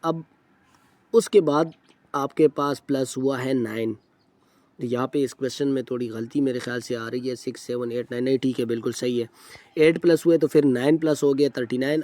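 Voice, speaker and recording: A man explaining practice test answers to students. His voice is mellow and relaxed and sits at a middle pitch. He works through each problem step by step, reads the English question text slowly, and keeps stopping to correct himself with a quick apology. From Pakistan. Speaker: test preparation teacher.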